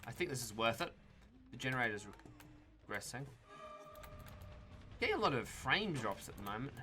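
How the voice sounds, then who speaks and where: With faint music behind him, this young Tasmanian man speaks at normal speed in a medium-pitched voice, casually commentating on his own gameplay for YouTube. He chats to himself and the other players in a relaxed way, with occasional mild swearing.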